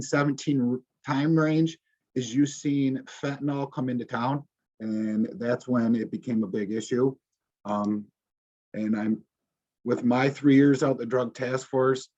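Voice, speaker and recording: A police officer presents slides to a community audience, speaking informally with lots of ums and restarts. His voice is mid-range with a darkish tone, and the recording sounds dull and muffled.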